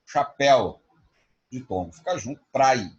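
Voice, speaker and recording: Male teacher, husky voice, animated delivery, online class. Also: mid-range voice, lo-fi sound. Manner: lively, spells out examples slowly.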